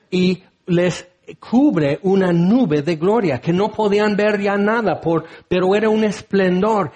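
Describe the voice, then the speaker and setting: Man preaching, fairly high voice. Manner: dramatic, swings between loud and hushed. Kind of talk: sermon.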